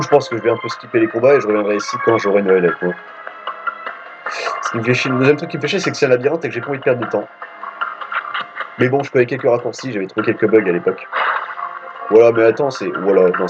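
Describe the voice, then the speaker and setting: A man hosting a let's play, chatting casually and rambling as he plays, with frequent casual swearing. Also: medium pitch. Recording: dull lo-fi audio with game music. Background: game music.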